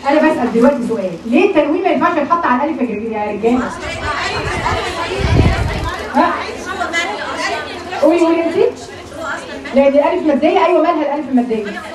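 A woman's voice: sits high, expressive, fast talker, long pauses, crowd noise, background noise. Egyptian woman, recitation teacher, quizzes students, echoey room, busy class in background. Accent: Egyptian Arabic. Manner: questioning, drills students by repeating words. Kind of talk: classroom lesson with drills. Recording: roomy, distant from the mic, chattering class behind.

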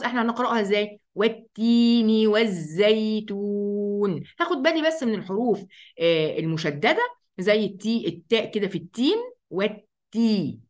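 A woman with an Egyptian Arabic accent gives a tajweed lesson on the rules of Quran recitation, her voice on the high side. She chats casually, asks and answers her own questions, and recites verses slowly.

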